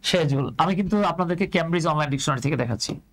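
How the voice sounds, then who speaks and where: A Bangladeshi English teacher with a somewhat high-pitched male voice leads an online class. He goes over each point twice, tosses questions at his students and calls them dear. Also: very fast, a bit bright, poor audio. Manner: repeats phrases and quizzes students.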